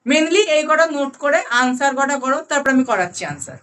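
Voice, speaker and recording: An animated English grammar tutor, a woman with a Bengali accent and a high, fairly bright voice, gives an online lesson. She patiently slows to repeat key words and often confirms her students understand.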